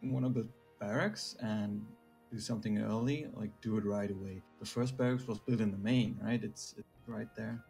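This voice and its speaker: Gravelly-voiced man explaining game strategy. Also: lowish voice, fairly even intonation, moderate pace, a little mellow, faint music behind. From Germany. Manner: explanatory, says "right?". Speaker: guest player. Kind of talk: casual game analysis.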